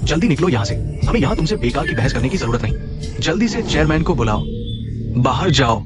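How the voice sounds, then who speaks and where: A man's voice: mid-range voice, sing-song, fairly quick, over loud music, lightly acted. An actor dubbing a bossy, impatient male protester in a TV drama. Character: pushy, rowdy male protester. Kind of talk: Hindi dub of a TV drama.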